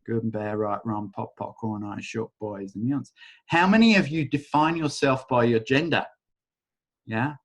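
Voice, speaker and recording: A male facilitator with a mid-range voice leads a live online workshop over a video call. Speaking at normal speed, he talks in a casual, rambling way and softly chants a repeated phrase.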